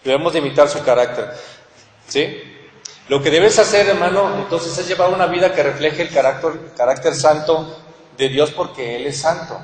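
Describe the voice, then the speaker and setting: Mexican pastor preaching in an echoey hall. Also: male voice, fairly high pitch, normal speed, a little hiss or hum. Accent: Mexican Spanish. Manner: earnest, keeps calling on listeners with rhetorical questions. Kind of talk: sermon. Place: church hall. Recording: echoey church hall with long reverb.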